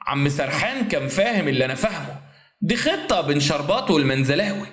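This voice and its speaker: Egyptian male narrator, high voice with a lively, swooping delivery, for a dramatic audio story; echoey room. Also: fast talker. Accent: Egyptian Arabic. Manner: emotional, repetitive dramatic narration.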